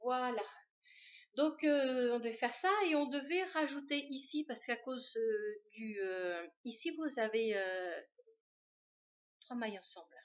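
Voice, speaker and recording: A woman's voice: a little high, a little slow. A woman hosting a knitting podcast, showing her projects in a chatty, hesitant way with many fillers. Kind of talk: casual show-and-tell chat. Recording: dull lo-fi sound.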